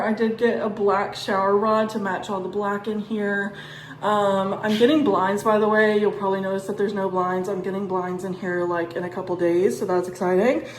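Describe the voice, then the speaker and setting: A woman giving a casual, bubbly, enthusiastic vlog tour, chatting in an echoey, empty apartment. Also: medium pitch. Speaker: vlogger. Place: indoors, small empty unfurnished apartment.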